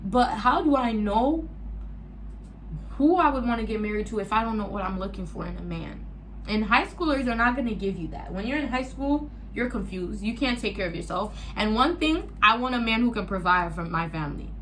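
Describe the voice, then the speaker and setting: A young woman, a native French speaker born in Gabon to Congolese parents, chatting casually through a get-ready-with-me Q&A vlog with animated asides. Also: on the high side, fairly quick, slight background noise, poor audio. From born in Gabon to Congolese parents, raised partly in the US. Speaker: vlogger.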